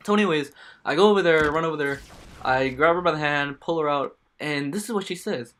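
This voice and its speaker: A man's voice: a little high, fairly quick, fairly bright tone. A young man casually telling a storytime tale as a vlogger, slangy and emphatic, with stammering restarts.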